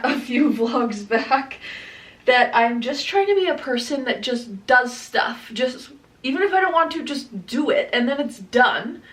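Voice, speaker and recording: A young vlogger and small business owner talks casually to camera from inside her print shop, cheerful and frequently laughing while slightly out of breath. Her pitch is fairly high, and the recording is rough.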